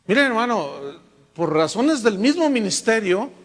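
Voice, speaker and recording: A man with a Mexican Spanish accent preaching a sermon as a pastor, lively and full of rhetorical questions to the congregation. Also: sits high, normal speed. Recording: long reverb from a large hall.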